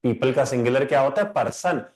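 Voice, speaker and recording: A man teaching English grammar in an online lecture, talking in a lively, conversational way, mixing English phrases into Hindi and quizzing his students. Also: mid-range voice, brisk.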